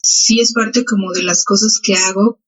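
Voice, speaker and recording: A woman's voice: mid-range voice, fairly even intonation, moderate pace, breathy edge. A young adult woman from southern Veracruz in Mexico, a photographer, chatting as an interview guest with a Veracruz accent, laughing often and using many fillers. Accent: Mexican Spanish (southern Veracruz). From Los Tuxtlas, Veracruz, Mexico. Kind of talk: casual interview chat. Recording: muffled lo-fi podcast audio.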